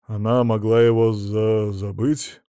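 A man's voice: medium pitch, takes it slowly, dark tone, dry recording, clean studio sound, lightly acted. A man voicing a confused middle-aged businessman who stammers and hesitates, reading a storybook. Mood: stammering.

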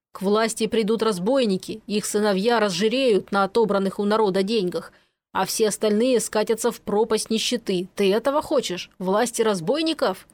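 Lady doing a preachy older guy in a storybook, slow and measured, dry close sound. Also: a little high, a little mellow, dry recording, close to an everyday voice.

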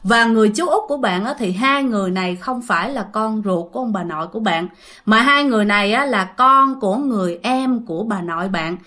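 A woman's voice: medium pitch, lively intonation, brisk, pushed and bright. A woman narrating a ghost story in a chatty way, talking straight to listeners. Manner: chatty, addresses listeners directly.

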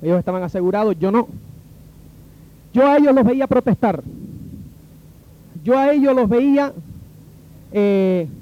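High-voiced Cuban man telling a story. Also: unhurried, pauses often, lo-fi sound. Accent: Cuban Spanish. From Cuba. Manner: animated, acts out the dialogue of the people in his story. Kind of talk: personal storytelling talk.

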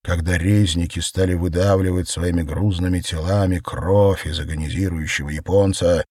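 Deep husky male audiobook narrator. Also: a little mellow, no room sound. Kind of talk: audiobook reading of surreal prose.

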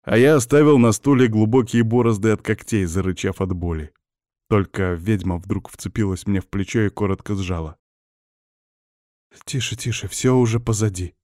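Low-voiced man narrating an audiobook. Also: moderate pace, darkish tone, dry recording, studio quality. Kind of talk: first-person audiobook narration.

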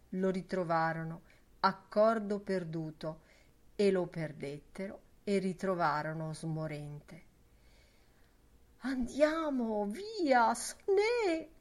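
A woman narrating a literary audiobook in a measured, lyrical way. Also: lowish voice. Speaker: audiobook reader.

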